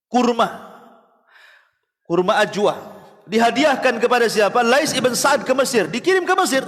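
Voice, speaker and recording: A male preacher telling a story in a sermon and acting out its voices. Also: high-pitched. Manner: animated, acts out voices of the story. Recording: long reverb of a hall.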